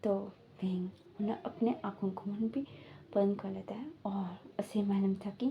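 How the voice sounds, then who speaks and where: A woman's voice: mid-range voice, steady tone, moderate pace, dull audio. A woman casually retelling a fan-fiction story in a chatty, loose way, full of fillers.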